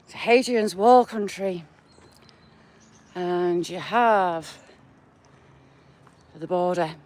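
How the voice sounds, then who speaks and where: A woman's voice: lowish voice, drawn-out words, a little mellow. A woman with a northern English accent, chatting to her viewers by name while walking outdoors in the countryside. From England. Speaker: vlogger. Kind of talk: casual live-chat walk vlog.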